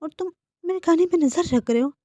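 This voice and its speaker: Sulky stubborn young man, read out by a woman; snappish and bossy, slightly high, warm, dry. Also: fairly quick, no echo, lightly acted. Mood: defiant. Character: sulky stubborn young male college student.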